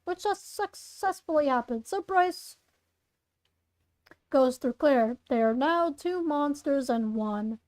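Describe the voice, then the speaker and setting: She's a young content creator reading her own story in a rambling, chatty way, catching and correcting herself along the way. Her high-pitched voice has lively intonation and a darkish tone, and she takes her time.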